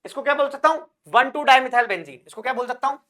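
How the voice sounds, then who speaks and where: Extremely high-pitched, very fast and sharp, this male chemistry teacher runs through exam prep by asking and answering his own questions. He addresses students as brother and child and makes points stick with punning memory tricks.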